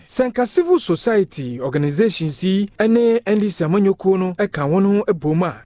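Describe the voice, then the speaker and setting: A man's voice: high voice, a little mellow, no room sound. A man reading a scripted news report as a reporter.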